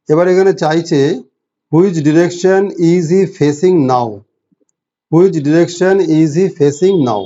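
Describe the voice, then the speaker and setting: Bengali-accented male tutor, mellow, slightly high voice, lo-fi audio, patient step-by-step explainer. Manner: explains step by step, reads questions slowly in English. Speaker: teacher. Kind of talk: online exam-prep class. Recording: dull lo-fi audio.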